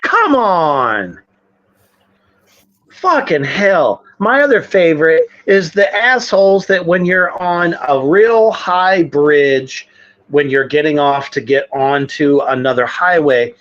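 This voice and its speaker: Woman, casual profane co-host, lively pitch, dull lo-fi audio. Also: slow pace. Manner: animated, swears freely. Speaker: co-host of a live variety show.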